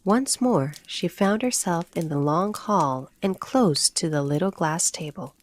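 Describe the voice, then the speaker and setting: A woman narrating a classic storybook chapter in a calm, measured bedtime style. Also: lowish voice.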